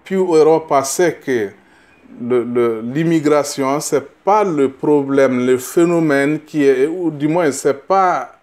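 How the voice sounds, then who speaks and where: A middle-aged Burkinabé political candidate takes interview questions in a fairly high, slightly mellow voice. He speaks slowly with hesitations, repeating little words as he looks for the next, and becomes emphatic on what matters most to him.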